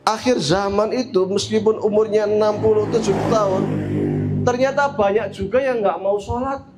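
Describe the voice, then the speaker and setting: A gentle, patient old prophet, as a Javanese-accented man puts him on, asking kindly questions. The voice sits very high. It is a story voice inside a sermon. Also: steady tone, moderate pace, noisy background, close to an everyday voice.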